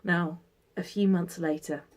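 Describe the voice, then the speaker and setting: A woman telling a folktale expressively, with dramatic pauses and emphasis. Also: lowish voice, steady tone. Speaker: storyteller. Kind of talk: expressive oral storytelling.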